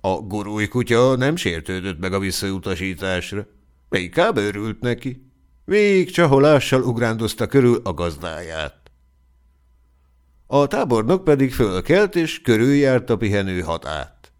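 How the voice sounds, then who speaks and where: A man narrating a classic short story for an audiobook, in a measured storytelling manner. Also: on the low side, big pitch swings, smooth. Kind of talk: scripted narration.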